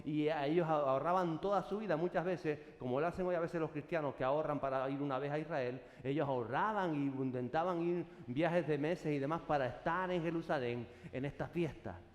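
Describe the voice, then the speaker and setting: Man, pastor, preaching a sermon, slightly high voice, long echo of a large hall. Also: brisk, few pauses. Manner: preaching with bursts of shouted acclamations. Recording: echoey hall, long reverb.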